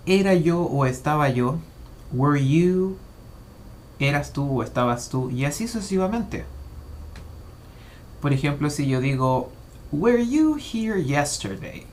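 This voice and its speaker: Male teacher, mid-pitched, methodical explainer, faint noise behind. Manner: methodical, slows to spell out English example phrases. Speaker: English teacher. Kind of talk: explanatory grammar lesson.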